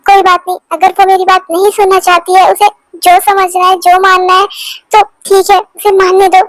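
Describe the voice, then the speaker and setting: A heartbroken young man pleads and stumbles over his words in a fan-dubbed romance. The voice sits very high and runs flat, recorded dry and close. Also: moderate pace, no echo, rough recording. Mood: resigned. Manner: pleading, stammering repeats. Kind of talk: Hindi fan dub of a romance story.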